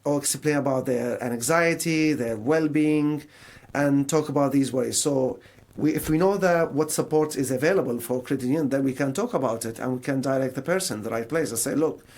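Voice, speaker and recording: This guest's voice is medium-pitched, brisk and darkish in tone, with a Syrian Arabic accent. He's a service manager at a mental health charity, originally from Syria, and he explains things on a radio interview in a conversational way, slipping in imagined quotes.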